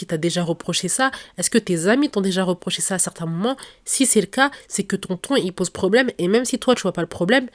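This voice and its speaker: A woman's voice: medium pitch, dry recording. Direct-talking woman podcast host. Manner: direct, addresses listener as tu and vous, emphatic. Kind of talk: advice podcast monologue.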